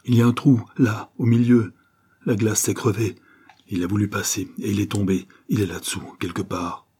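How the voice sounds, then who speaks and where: A man's voice: fairly low pitch, flat delivery, normal speed, warm tone, slightly rough. A man voicing a sturdy male servant who talks in terse, muttered lines in an audiobook. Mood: hushed.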